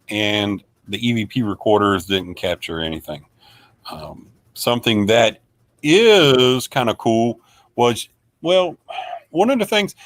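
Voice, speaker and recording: A man with a drawl hosts a live stream from a webcam, talking loosely and filling gaps with ums and uhs. His voice sits a little low, and the sound is dry and close. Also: dry recording. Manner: rambling, filler-heavy, friendly. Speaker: paranormal investigator and live stream host. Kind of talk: casual live stream recap.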